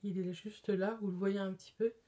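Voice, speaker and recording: A woman's voice: medium pitch, fairly even intonation, brisk, warm tone. A woman chatting casually on camera in a beauty haul vlog, with lots of hesitations. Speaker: beauty vlogger.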